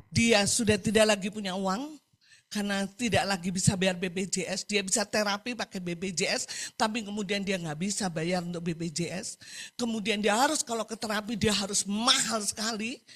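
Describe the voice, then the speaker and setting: A woman's voice: medium pitch, a bit bright. A woman preaching a sermon over a video call, emphatic, repeating key phrases and asking the congregation for agreement.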